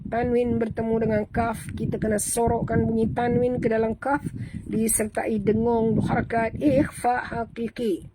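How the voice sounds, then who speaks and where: A woman with a Malaysian Malay accent teaching Quran recitation, correcting pronunciation methodically and chanting verses in slow, drawn-out tones. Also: fairly high pitch, level tone, very noisy. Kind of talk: tajweed lesson.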